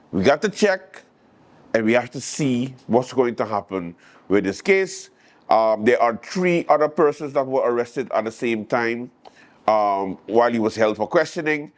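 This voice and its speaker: Hosting a late-night program, this Caribbean-accented man riffs casually on current events and performs quotes with a storyteller's flair. His pitch is medium.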